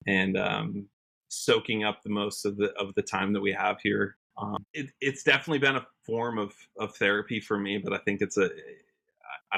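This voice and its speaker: The guest is an American country singer-songwriter from Washington state, musing aloud in a casual podcast interview. His fairly low, gravelly voice carries a bright and forceful tone.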